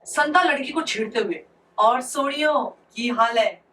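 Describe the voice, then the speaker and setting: A woman with a fairly high voice rattles through short jokes, jumping her pitch up and down as she switches between characters. She sounds set back from the mic, with faint noise behind her. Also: measured pace. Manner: lively, shifting pitch for each character. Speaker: joke teller. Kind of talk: telling jokes to camera. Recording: voice from a distance with faint background noise.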